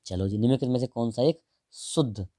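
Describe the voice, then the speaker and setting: A man teaching exam prep, going through answers one option at a time in a casual, direct way and drawing some words out slowly. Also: mid-range voice, mellow, no echo, studio quality. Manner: explains each option, stretches out words while writing; casual and direct, calls the listener brother. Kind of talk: answer-key walkthrough lesson.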